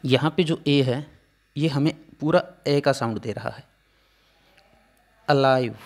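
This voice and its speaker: A man's voice: a little high, moderate pace, a little mellow. A man teaching a phonetics lesson, explaining patiently step by step.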